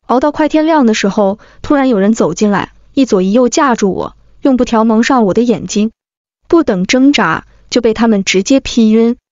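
A woman narrates a first-person story in a soft, steady reading voice that sits slightly high. The recording is very dry, with no room sound. It is also a little dull and lo-fi. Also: normal speed, no echo. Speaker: audiobook narrator.

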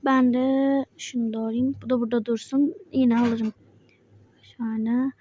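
High-voiced girl in game role-play. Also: flat delivery, mellow, dull audio, a little hiss or hum. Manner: chatty, playful, quick back-and-forth. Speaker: Toca Life roleplay player voicing Mike.

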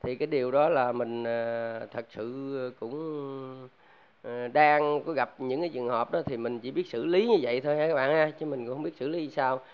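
A man's voice: mid-range voice, fairly even intonation, normal speed, smooth. A man chatting casually to viewers about his home speaker build, rambling with many fillers and restarts. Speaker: DIY audio vlogger. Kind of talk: casual chat to camera. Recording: dull lo-fi home recording.

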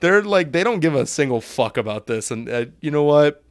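Streaming from home, a young man talks at normal speed in an expressive voice on the high side, with no room sound. He laughs and swears while reading the game's text in casual live commentary.

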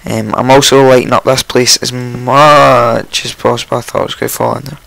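A man with a croaky morning voice, casually commentating his own game, rambling and chatty with frequent ums and self-corrections. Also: medium pitch, flat delivery, fairly quick, a bit bright, dry recording, low-quality recording. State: just woken up, morning voice. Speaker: let's play host.

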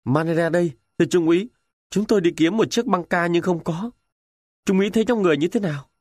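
A man's voice: sits high, quick pace, a little mellow, dry recording, clean studio sound, voice pushed up. A man voicing a soldier reporting respectfully to his lieutenant in an audiobook. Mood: concerned.

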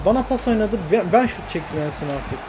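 An excitable young man commentates his own football game, urging his players on and muttering to himself. His voice sits high for a man. Game music plays clearly beneath him. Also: brisk. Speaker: gaming YouTuber.

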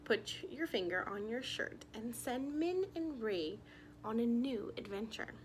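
A young adult woman in a living room reads a children's picture book aloud with expression, posing questions straight to her little listeners. Her fairly high voice is animated and a little slow. The recording is rough, with a little hiss or hum.

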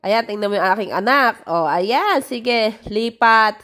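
A woman's voice: mid-range voice, lively intonation, measured pace, a bit bright. A middle-aged woman from the Philippines, chatting through a casual vlog voice-over of a family picnic, full of exclamations. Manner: chatty, exclamatory, lots of "ay" and "o, tingnan nyo". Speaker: vlogger narrating family picnic video.

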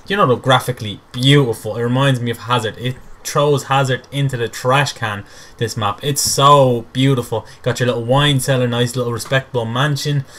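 A young man from Ireland, rambling excitedly and mocking himself as he commentates over game footage. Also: mid-range voice, normal speed. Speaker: gameplay commentator.

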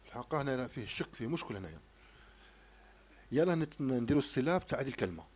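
A middle-aged man with an Algerian accent tutoring a child in French sounds, repeating each syllable slowly and firmly. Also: medium pitch, sing-song, a little mellow. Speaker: teacher. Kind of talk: home French phonics lesson explained in Arabic.

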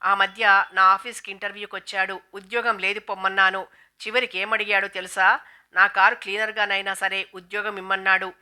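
A woman's voice: mid-range voice, little pitch movement, a little fast, pushed and bright. A woman voicing a proud, wealthy young woman who taunts her friend in a gloating tone, read within a novel. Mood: mocking.

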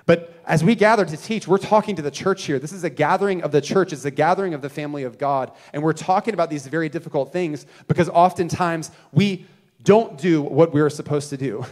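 A pastor in his thirties with a slightly high voice preaches a sermon on a church stage, speaking into a handheld mic. He's earnest, rising to emphasis and dropping to quiet, stressing words slowly.

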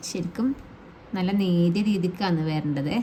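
A woman's voice: lowish voice, normal speed, mellow, slight background noise. A woman teaching a fabric painting class in a chatty, reassuring way, often adding little tag words. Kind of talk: casual how-to tutorial.

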